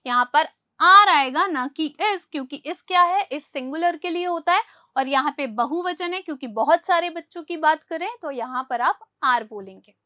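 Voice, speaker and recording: A woman teaching English grammar, who asks questions and answers them herself, slowing down to read English example sentences. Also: high voice, bright, forceful tone, dry recording, clean studio sound. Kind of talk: spoken grammar lesson.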